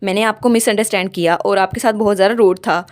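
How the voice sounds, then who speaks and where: A woman's voice: medium pitch, fairly even intonation, fast talker, a little mellow, close to an everyday voice. A woman voicing a stiff, awkward adult male duke in a storybook retelling. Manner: hesitant, formal.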